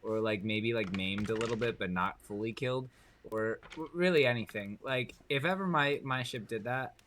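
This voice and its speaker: A man's voice: mid-range voice, normal speed, a bit bright, slight background noise. A man playing a tabletop game, joking and defending his pirate character. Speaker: player. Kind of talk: playful tabletop game chat.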